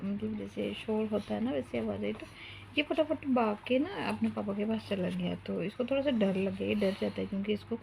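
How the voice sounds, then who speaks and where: A young woman chats at home in a rambling, casual vlog voice. Her tone has a gravelly fry at its edges. Faint background noise sits under her talk. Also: mid-range voice, dark tone. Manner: chatty, rambling, breaks off to coax her toddler. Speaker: mom vlogger.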